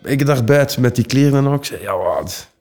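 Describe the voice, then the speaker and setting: Rambling Flemish man, mellow voice. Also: mid-range voice, steady tone, quick pace, faint music behind. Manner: rambling, streetwise, with many fillers. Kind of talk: casual personal storytelling.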